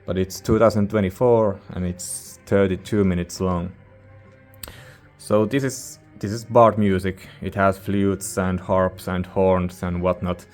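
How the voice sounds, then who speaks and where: A man's voice: deep voice, steady tone, measured pace, darkish tone, soft background music. A man who is a non-native English speaker gives a casual, rambling review as a host, informal and hesitant as he searches for words. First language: not English. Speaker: music reviewer, channel host.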